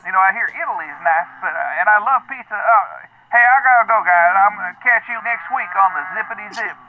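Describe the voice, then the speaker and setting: A man's voice: high-pitched, animated, fast. A man voicing a goofy, cheerful male escaped convict, leaving a rambling, chuckling voicemail over a landline phone. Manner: rambling, laid-back and chuckling. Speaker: voicemail caller. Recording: tinny landline voicemail with faint hiss.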